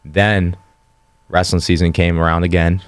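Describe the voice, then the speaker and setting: Young guy in his 20s from western pennsylvania, real low flat voice, smooth, just telling his story straight. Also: moderate pace, no room sound. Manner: plain, matter-of-fact storytelling. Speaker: guest, fighter. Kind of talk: casual interview.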